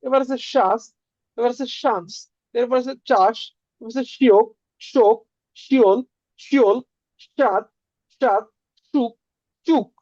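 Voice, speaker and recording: A woman's voice: on the high side, slow, long pauses, darkish tone, no room sound. A woman teaching a beginner language lesson, repeating sounds one by one and quizzing the listener on word meanings. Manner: drills sounds with repetition and quizzing questions. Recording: dry, muffled lo-fi sound.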